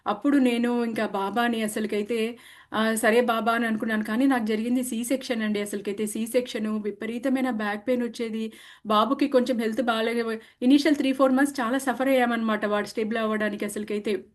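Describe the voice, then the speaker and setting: A woman from India shares her own spiritual story in an earnest, conversational way. Her voice sits a little high, and she often breaks off mid-word to start again. She sprinkles English words through her talk. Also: steady tone, quick pace. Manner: earnest, full of restarts and cut-off words, mixes English words into Telugu. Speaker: meditation practitioner sharing her experience. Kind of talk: personal testimony, conversational.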